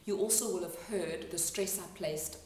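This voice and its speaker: A woman who works as an accent coach gives a spoken lesson, explaining sounds step by step and pausing to demonstrate them. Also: fairly low pitch, a little mellow, a little hiss or hum. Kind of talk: instructional talk to camera. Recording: echoey room, mic at a distance.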